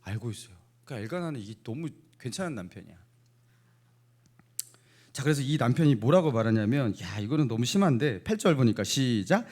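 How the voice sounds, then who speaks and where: A man's voice: medium pitch, big pitch swings, a little fast, a little mellow. A middle-aged man preaching a Sunday sermon in a church, asking the congregation playful either-or questions and chuckling between points. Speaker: pastor. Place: church sanctuary.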